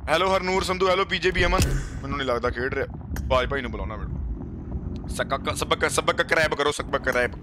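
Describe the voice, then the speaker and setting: This game livestream host has a Punjabi accent and a slightly high voice that moves a little fast, with background noise behind him. His chat is casual and rowdy, packed with slang, joking, and curse words.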